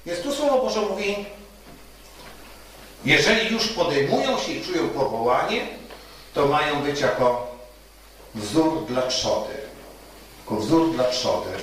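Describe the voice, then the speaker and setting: Male pastor, sermon, high lively voice, storytelling, distant mic, booming reverb. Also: slow pace, long pauses, slight background noise. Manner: storytelling with rhetorical "tak?" questions. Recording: echoey hall from far off.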